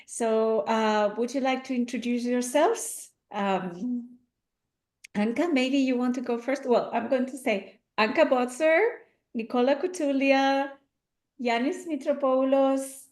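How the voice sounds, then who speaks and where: A woman's voice: on the high side, unhurried. A woman hosting a podcast, reading a scripted welcome and then chatting with guests with fillers and restarts. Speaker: podcast host. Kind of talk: scripted intro then casual moderated chat. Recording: intro over loud music.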